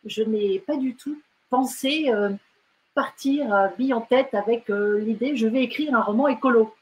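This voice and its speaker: A woman novelist from France and Britain talks casually as an interview guest, hesitating with many fillers and restarts. Her voice is on the high side and a little mellow at normal speed, and the recording is rough.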